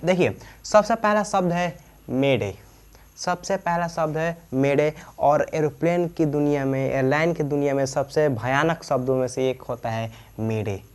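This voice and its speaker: This male teacher explains aviation terms informally in a fairly high, smooth voice with a darkish tone and measured pace. His style is repetitive, full of self-answered questions and frequent check-in tags.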